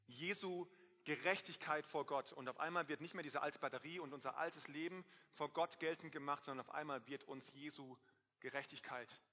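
A man in his thirties preaching a sermon to a congregation, lively, swinging between loud emphasis and quiet asides. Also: on the high side, breathy edge. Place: church hall. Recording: dull, reverberant hall sound.

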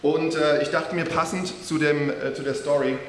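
A man preaching a sermon, telling the story in a lively, casual way and talking directly to his listeners. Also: on the high side, normal speed. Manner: lively storytelling, addresses the audience, casual slang. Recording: echoey hall with faint hiss.

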